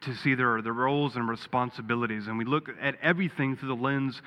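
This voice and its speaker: A man's voice: mid-range voice, fast, bright, forceful tone. A pastor giving a sermon in his church, earnest and folksy, telling a joke story before turning to Scripture. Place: church sanctuary. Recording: dull, reverberant church recording.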